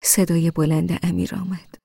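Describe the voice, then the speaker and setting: A woman narrating a first-person story in a hushed, soft voice that is close to a whisper. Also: lowish voice, flat delivery, vocal fry, slightly rough, no echo. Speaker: audiobook narrator.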